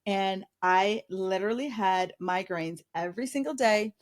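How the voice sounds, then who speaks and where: A woman's voice: medium pitch, moderate pace. A middle-aged woman coaching on diet in casual interview chat, emphatic and blunt, often restarting her sentences. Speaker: guest, weight coach.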